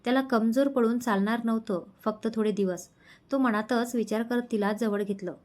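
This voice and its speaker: A woman storyteller reading a romance serial aloud in a steady, even manner. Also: on the high side, moderate pace. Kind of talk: scripted story narration.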